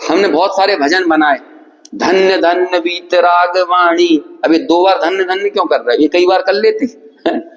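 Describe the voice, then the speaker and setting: A man's voice: high voice, fairly quick. A man from India giving a scripture lecture in a hall, explaining with questions and repeated examples. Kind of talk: scripture lecture with chanted verses. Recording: echoey hall.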